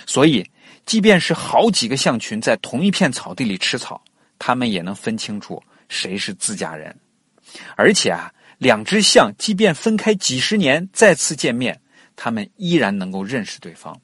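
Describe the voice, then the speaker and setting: 一位男主播以富有表现力的讲解口吻，像自然纪录片解说一样给孩子讲科学故事，不时向听众提问。. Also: male voice, medium pitch, moderate pace, husky, no echo, clean studio sound. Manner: expressive, explanatory, puts questions to the listener. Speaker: host of a children's science story show. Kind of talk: scripted educational storytelling for children, nature documentary narration.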